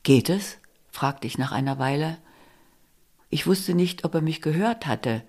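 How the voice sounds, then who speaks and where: A woman reading a novel excerpt aloud in measured, intimate first-person narration. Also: low-pitched, lively intonation, a little mellow. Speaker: reader.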